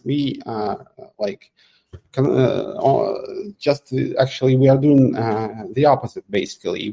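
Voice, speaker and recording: Halting, mellow-voiced man hosting a Q&A. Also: medium pitch. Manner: halting, many fillers and restarts, occasional laughs. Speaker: AMA host answering community questions. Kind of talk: casual live Q&A.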